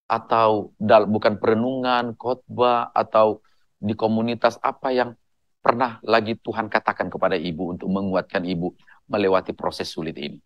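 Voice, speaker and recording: Pastor host asking gentle questions. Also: male voice, fairly low pitch, little pitch movement, normal speed, no room sound. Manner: thoughtful, searching questions with preaching asides. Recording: dull, dry sound.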